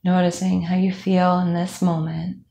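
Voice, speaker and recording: A young woman instructor leading a calm guided body scan meditation, speaking slowly with soft fillers. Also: fairly low pitch, creaky. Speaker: movement instructor.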